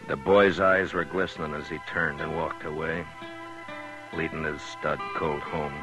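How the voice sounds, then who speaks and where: An American actor playing a gruff but kindly middle-aged frontier marshal in a 1950s radio western. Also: male voice, a bass voice, flat delivery, a little slow, rough recording. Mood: reflective. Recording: vintage radio recording, music behind.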